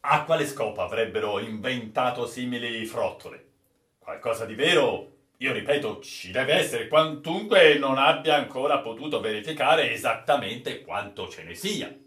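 A man voicing a serious old sailor who tells sea stories slowly and deliberately, recorded in a roomy, echoey space. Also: mid-range voice, lively intonation, fairly bright tone, lightly acted. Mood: grave. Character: grave old male sailor storyteller. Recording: roomy echo.

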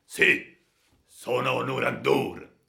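A ferocious bandit full of cold hatred, as a male narrator puts him on, slow and deliberate with a gravelly rasp. He gloats over his captive in a loud, menacing voice, sharp and bright in tone. A storybook villain through and through. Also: medium pitch, fairly even intonation, pitched above the performer's own voice, heavily acted. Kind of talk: audiobook character voice.

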